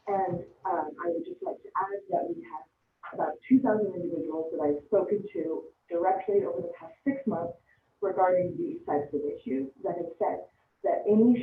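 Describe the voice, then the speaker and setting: A woman community organizer giving a deliberate, earnest public comment over the phone. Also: lowish voice, a little hiss or hum. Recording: tinny speakerphone line, echoey and distant.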